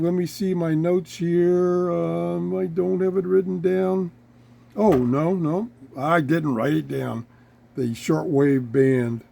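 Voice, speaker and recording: Like someone hosting a homemade review show, this man demonstrates a product casually and hands-on, his mellow, relaxed voice pitched slightly above the usual male range. His delivery is slow and halting, in short pieces with thinking pauses.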